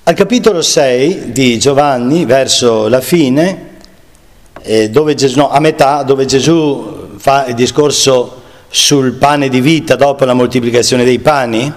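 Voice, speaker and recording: Male preacher, slow deliberate sermon delivery, reverberant hall sound. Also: medium pitch. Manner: slow, measured, reads scripture aloud with pauses and restarts. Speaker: preacher giving a Bible talk.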